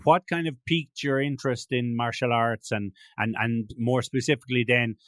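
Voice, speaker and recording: An Irish man from Ireland hosts a podcast interview in a casual, rambling way, full of restarts and fillers. His mid-range voice is fairly even and fairly bright, at a moderate pace. The audio is studio quality with no room sound.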